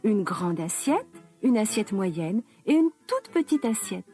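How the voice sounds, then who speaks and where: A woman narrating a children's story slowly and expressively. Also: mid-range voice, soft background music. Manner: slow, expressive, lively.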